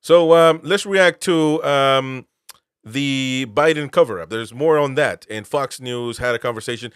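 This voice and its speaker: A man's voice: mid-range voice, unhurried, smooth, no echo, studio quality. A man from Peru, host and military veteran, giving political commentary with emphatic, incredulous rhetorical questions.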